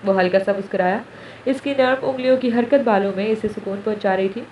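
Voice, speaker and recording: A woman's voice: medium pitch, a little fast, a little hiss or hum. Woman reading a romance novel, roomy. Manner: steady storytelling narration. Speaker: story reader. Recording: echoey room, distant mic, faint ambience.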